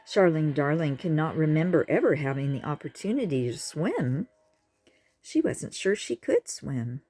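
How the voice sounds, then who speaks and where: A woman reading a children's storybook aloud, slow and expressive. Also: sits low. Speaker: audiobook reader. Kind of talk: storybook narration.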